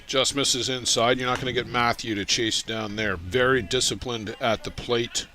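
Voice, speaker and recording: A man calling a softball game play by play, calm and measured between pitches. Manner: calm, building to excited calls. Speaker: play-by-play commentator. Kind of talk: live sports commentary.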